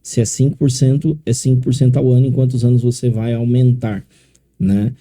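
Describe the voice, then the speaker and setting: A middle-aged man with a São Paulo accent explains things to an interviewer, taking them step by step and often adding tag questions. His voice is deep and dark, and its pitch sits in the middle. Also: flat delivery, a little fast. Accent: São Paulo Portuguese. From São Paulo, Brazil. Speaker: consórcio specialist guest.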